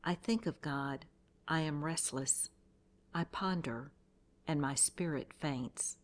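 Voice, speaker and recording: Female devotional reader with a low voice and a calm, reflective delivery. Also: slow pace. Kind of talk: scripted devotional reading.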